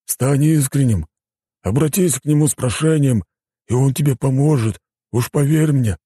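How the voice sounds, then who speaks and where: A man voicing a sly homeless man who coaxes others with calm advice. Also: medium pitch, moderate pace, breathy edge, dry recording, pitched above the performer's own voice, lightly acted. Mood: coaxing. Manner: coaxing, persuasive.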